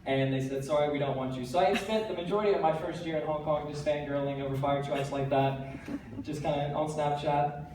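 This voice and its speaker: Heavy echo fills the large hall as an American teenager, a TEDx speaker, gives a brisk stage talk to a live audience. He's earnest and energetic, with light self-deprecating humor and a slightly high voice, and he sounds distant from the microphone, with a faint hiss of noise beneath.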